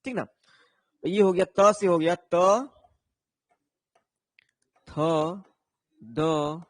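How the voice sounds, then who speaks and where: Slightly high-voiced man teaching a lesson. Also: very slow, dry recording. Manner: explains patiently, tags lines with "है ना", answers viewers' comments. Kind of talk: online exam-prep lesson.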